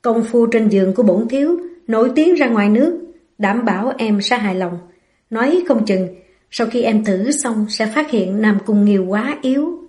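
A brash young playboy from an audiobook novel, teasing and sure of himself, read out by a woman. The voice is mellow and set a little high. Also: lively intonation, normal speed, lightly acted. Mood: cocky. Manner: teasing, cocky.

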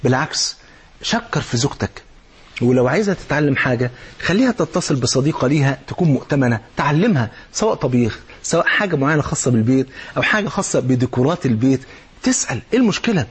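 Very husky, fast-talking Egyptian preacher man. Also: mid-range voice. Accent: Egyptian Arabic. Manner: animated, acts out little dialogues, coaxing rhetorical questions. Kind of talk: colloquial religious advice talk.

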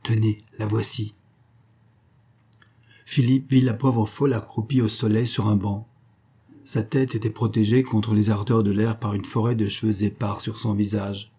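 A man narrating a classic novel as an audiobook in a calm, even reading. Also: lowish voice, normal speed, slightly rough.

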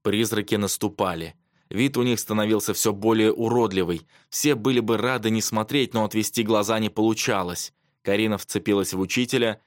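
A man reading a children's adventure story aloud as narrator, measured and even. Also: on the low side, no room sound, clean studio sound. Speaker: audiobook narrator. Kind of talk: scripted narration.

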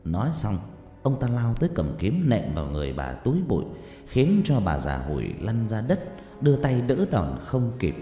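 A man's voice: lowish voice, huge pitch swings, normal speed, mellow. A man narrating a horror story in a dramatic, suspenseful way. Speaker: audiobook storyteller. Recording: reverb-heavy narration with faint music.

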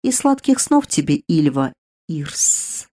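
A woman voicing a cruel dark queen in a storybook reading, commanding and mocking with a hissing edge. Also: medium pitch, sing-song, moderate pace, close to an everyday voice. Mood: cold mocking.

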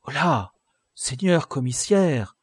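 A man's voice: fairly high pitch, animated, slow, breathy edge, dry recording, pitched above the performer's own voice, full character voice. A man doing a sly mocking convict. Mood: sardonic. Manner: glib, sardonic, mock-polite. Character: sly boastful male convict, proud and mocking.

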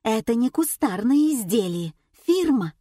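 A woman voicing a shrill, excitable, greedy woman tourist in an audiobook. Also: a little slow, no room sound, studio quality. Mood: greedy excited.

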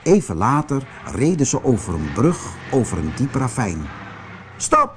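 A man narrating a children's storybook in an expressive, animated way. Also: medium pitch, normal speed, noisy background.

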